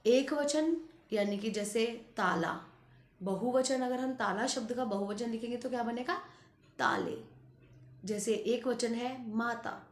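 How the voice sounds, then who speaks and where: Patient middle-aged female teacher, high and unhurried, echoey room. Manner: patient, addresses pupils as beta, stretches out example words. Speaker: school Hindi teacher. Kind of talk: online grammar lesson.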